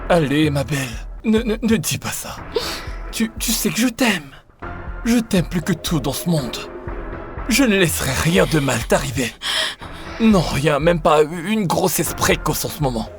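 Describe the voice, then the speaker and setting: A man's voice: on the high side, lively intonation, unhurried, over music. An actor dubbing a young man who reassures his girlfriend, in a French film dub. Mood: soothing. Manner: soothing, reassuring, then impatient. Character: young boyfriend Raymond, evasive and soothing.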